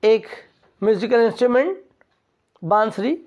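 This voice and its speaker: A woman teaching English pronunciation who drills each word slowly and asks her own questions before answering them. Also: fairly high pitch. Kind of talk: recorded vowel pronunciation lesson. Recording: dull lo-fi recording.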